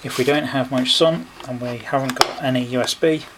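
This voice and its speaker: A man shows how a product works in a hands-on demo, taking it one step at a time in short, leisurely phrases. His voice is medium in pitch and steady, though the home recording is clearly noisy and has clicks.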